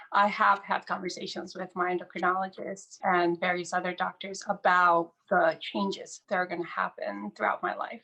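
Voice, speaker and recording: A woman's voice: medium pitch, creaky, a bit bright, slightly rough, poor audio. A woman in her thirties from British Columbia, speaking as a panelist in a hesitant, conversational way. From British Columbia, Canada. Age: 30s. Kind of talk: casual discussion.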